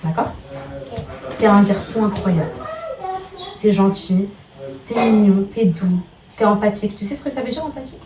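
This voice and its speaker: A woman's voice: medium pitch, normal speed, pauses often. A mother who speaks tenderly and showers her children with pet names, then chats casually to her followers. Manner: chatty, addresses her followers as girls. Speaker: mother and vlogger. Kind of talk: casual vlog talk. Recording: roomy and noisy, from a distance.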